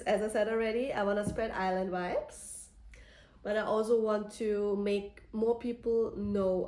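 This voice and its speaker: A woman's voice: medium pitch, a little mellow, echoey room. A young woman from Austria, introducing her vlog channel in an earnest, enthusiastic way. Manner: earnest, enthusiastic, list-like delivery. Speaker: content creator.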